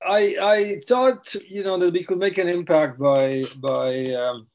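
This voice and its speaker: A man's voice: high-pitched, a little slow, a little mellow, lo-fi sound. An older man from Slovakia, a podcast guest telling his story in a meandering, hesitant way. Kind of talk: casual interview.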